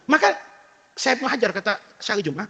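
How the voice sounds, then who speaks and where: A male preacher telling a story in an animated, high-pitched voice that leaps up and down. His tone is husky, and he often jokes and asks the audience questions. The long reverb of a large hall trails behind him. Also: brisk, dull audio. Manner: animated, humorous, rhetorical questions. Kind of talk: storytelling sermon.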